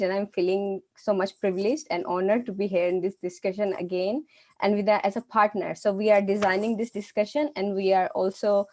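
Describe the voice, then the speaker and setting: A woman's voice: medium pitch, darkish tone, no room sound. A woman from Pakistan, a seminar panelist, speaking earnestly and searching for words now and then. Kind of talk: seminar introduction.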